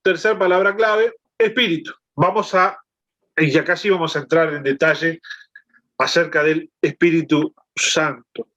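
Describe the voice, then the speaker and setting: A man's voice: fairly high pitch, fairly even intonation, a little slow, fairly bright tone, dull audio. A man leading a Bible lesson over a video call, explaining and often checking in with his listeners. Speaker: Bible study teacher.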